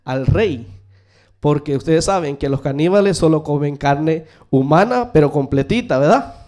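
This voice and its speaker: A man's voice: on the high side, lively intonation, normal speed, darkish tone. A male preacher giving a sermon, telling a story animatedly and having the congregation repeat phrases after him.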